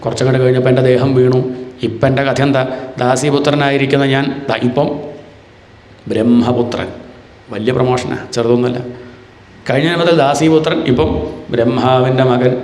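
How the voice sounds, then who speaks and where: A man's voice: mid-range voice, fairly even intonation, a little mellow. Man giving a devotional discourse in a reverberant hall. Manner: storytelling in first person, slowly chants verses. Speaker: scripture discourse speaker. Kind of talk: devotional discourse with Sanskrit verse chanting.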